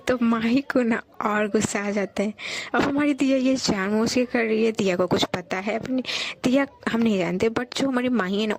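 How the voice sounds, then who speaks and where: Woman, storyteller, casual audio-story narration, chatty, addresses listeners. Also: a little high.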